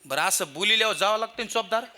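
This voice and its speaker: Kirtan preacher, man, rural Marathi accent, very bright, lively comic storyteller. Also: high-pitched, fast, a little hiss or hum. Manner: comic storytelling, acting out voices. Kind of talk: humorous devotional sermon. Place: temple festival stage.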